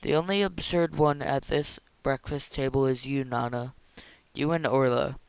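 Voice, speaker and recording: A man's voice: mid-range voice, fairly even intonation, normal speed, vocal fry, clean tone, no room sound, natural voice. A man reading aloud voices a determined, earnest young woman insisting on her plans.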